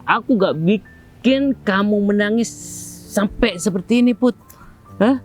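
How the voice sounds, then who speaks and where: A man's voice: a little high, lightly acted. A man playing a hot-tempered, boastful young suitor in a web drama, tossing out a challenging "hah?" after his lines. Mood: pushy concern. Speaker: rival suitor. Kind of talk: low-budget web drama acting.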